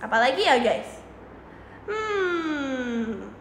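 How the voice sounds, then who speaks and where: Seated at a desk in a small indoor room, a young woman chats on a casual livestream into a phone or webcam in front of her. Her high voice is unhurried and sing-song, and she is playful and giggly, dropping English phrases into her talk. The room gives a roomy echo with a faint hiss behind her.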